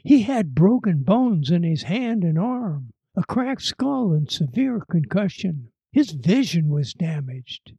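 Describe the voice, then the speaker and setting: A man telling a frontier tale aloud in a dramatic, lively storytelling manner. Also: high voice, slow pace, creaky, few pauses, husky, no room sound. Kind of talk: told tall tale.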